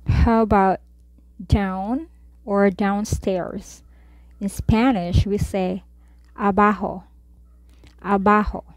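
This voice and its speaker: A woman tutor teaching a Spanish vocabulary lesson, saying each word and then repeating it slowly for learners. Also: mid-range voice, steady tone, no room sound.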